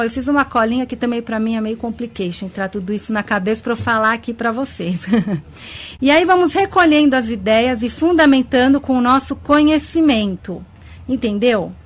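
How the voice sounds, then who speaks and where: Chatty high-voiced Brazilian woman radio host. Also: a bit bright. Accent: Brazilian Portuguese. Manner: chatty and affectionate, greets listeners by name; laughs often, talks quickly in bursts. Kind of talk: web radio talk show on ufology and spirituality. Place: radio studio.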